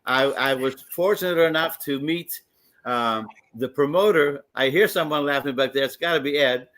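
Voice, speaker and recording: An older wrestling commissioner from Greece, his voice a little high and fairly bright, speaks at a moderate pace. He's an enthusiastic guest in a casual sports talk radio interview, telling stories with many restarts.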